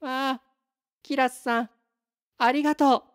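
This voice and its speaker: A bright, eager little girl chatters in a high, swooping voice, her words drawn out slowly. A man puts her on in a storybook read-aloud. She sounds breathless with wonder. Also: dry recording, clean studio sound. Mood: excited. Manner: pleading and excited, high and lively.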